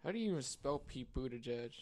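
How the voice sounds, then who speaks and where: A man with a gravelly, creaky voice chatting casually. He is laid-back and agreeable, tossing in jokey asides and easy questions. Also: mid-range voice, expressive, fast, very noisy. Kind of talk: casual chat.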